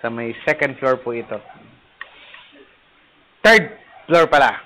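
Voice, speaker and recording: A man's voice: mid-range voice, slow, bright, forceful tone, rough recording. A man, a parish priest, chatting casually on a livestream, greeting viewers by name and joking playfully. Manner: playful, teasing, laughs at own jokes. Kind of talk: casual livestream chat reading viewer comments. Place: rooftop garden, third floor.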